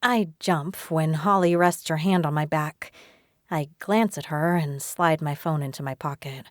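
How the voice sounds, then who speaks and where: A woman narrating a romance audiobook in the first person in a steady, even reading voice. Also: low voice, measured pace, no room sound, studio quality.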